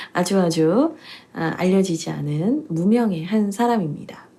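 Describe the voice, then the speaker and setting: Woman pastor teaching the bible, chatty and playful, kinda breathy voice. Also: on the low side, slow pace, a little mellow. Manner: chatty, playful, with laughs and quiz-like questions. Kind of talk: casual Bible teaching talk.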